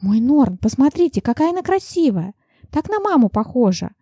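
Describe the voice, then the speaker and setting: A woman reading an audiobook, voicing an excited, bustling midwife who gushes in a raised, exclamatory voice. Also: moderate pace, slightly rough, dry recording, clean studio sound, full character voice. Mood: joyful. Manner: high, gushing, exclamatory.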